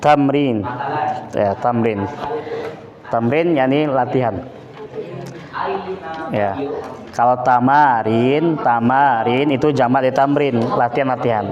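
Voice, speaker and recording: A man's voice: medium pitch, slow pace, pauses often, highs cut off. A man with an Indonesian accent teaching an Arabic lesson in a boarding school class, drilling pupils with questions and explaining in Indonesian. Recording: roomy classroom with pupils' chatter.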